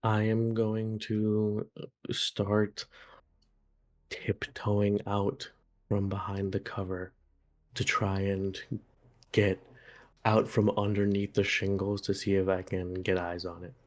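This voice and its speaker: A man's voice: on the low side, monotone, slow, long pauses. A man talking casually as a player in a tabletop game.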